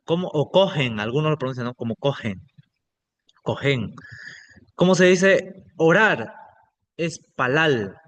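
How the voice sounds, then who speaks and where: Slightly high-voiced man teaching a class. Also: a bit bright. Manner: explanatory, checks in with frequent "ok?". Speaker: pastor teaching biblical Hebrew. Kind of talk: online class lecture.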